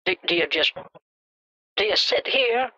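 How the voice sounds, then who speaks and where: A man talking through a pitch-shifted voice changer on a call, earnestly lecturing the other caller and repeating his name. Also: animated, a little slow, pushed and bright, dry recording, lo-fi sound. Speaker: scam baiter on a call. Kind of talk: phone call confrontation.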